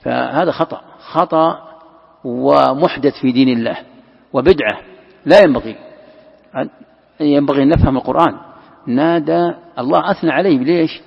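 A man's voice: mid-range voice, creaky, slightly rough. A man giving a religious lesson on Quran commentary, emphatic, asking rhetorical questions and repeating key phrases. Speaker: Islamic scholar teaching Quran commentary. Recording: echoey hall, dull lo-fi sound.

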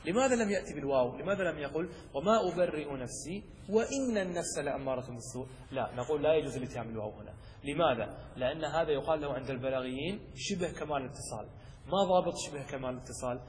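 A man giving a classroom lecture in a large hall, with a voice that sits a little high and a long reverb trailing his words. He builds each rule step by step, stops to check that his listeners follow, and slows down for the verses. A faint hiss runs under the recording. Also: animated. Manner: recites verses slowly and clearly. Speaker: sheikh teaching Arabic rhetoric.

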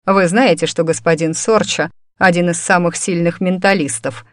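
A woman reading an audiobook voices a composed young man questioning a suspect, in a mild, even tone. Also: lowish voice, moderate pace, no room sound, studio quality, close to an everyday voice. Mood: calm. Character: calm, composed young male interrogator.

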